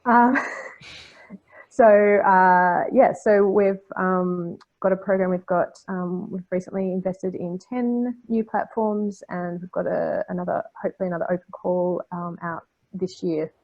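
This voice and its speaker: A woman's voice: fairly low pitch, steady tone, measured pace, lo-fi sound. A woman program manager introducing herself in an online meeting, friendly and upbeat with fillers. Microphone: video call.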